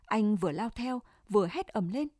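Mellow-voiced woman reading a story. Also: medium pitch, lively intonation, moderate pace, dry recording, clean studio sound. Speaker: narrator. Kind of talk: storybook narration.

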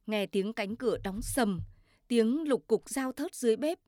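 A woman narrating a story in a measured, steady reading. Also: on the high side, dry recording, studio quality.

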